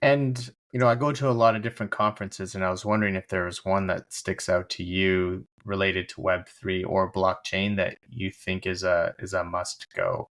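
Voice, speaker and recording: A woman hosting a podcast interview, easygoing and quick to laugh. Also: rumbling low. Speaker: podcast host.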